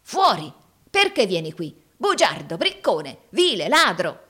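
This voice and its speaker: A woman's voice: lowish voice, animated, moderate pace, a little mellow, close to an everyday voice. Woman reading a scornful old moneylender. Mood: furious. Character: hard, scheming older moneylender man.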